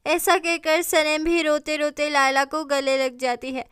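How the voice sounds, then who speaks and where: A woman narrating a scripted drama episode recap in a steady storytelling way. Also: high voice, measured pace, dry recording, studio quality.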